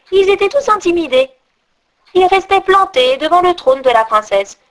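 A woman's voice: high voice, fairly bright tone. A woman putting on a chatty know-it-all crow. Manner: chatty, explaining at length. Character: talkative old crow, female, know-it-all. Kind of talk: storybook reading.

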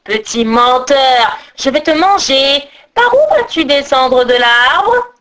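A woman's voice: sits high, animated, full character voice. Bouma, a growling old ogress, as a woman puts her on. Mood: gloating. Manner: slow, loud, growling and gloating. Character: hideous old female child-stealing ogress. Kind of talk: storybook narration.

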